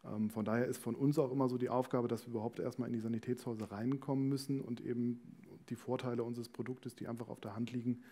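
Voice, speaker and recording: A company managing director, guesting in an on-stage interview, explains things in a fast, level, dark-toned voice of medium pitch with few pauses. He's on a small indoor stage before a talk-show panel, using a headset microphone.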